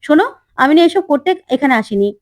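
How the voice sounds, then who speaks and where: A haughty, quick-tempered young sister-in-law, read out by a woman. Her lines come indignant and high-pitched. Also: animated. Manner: indignant, snappish.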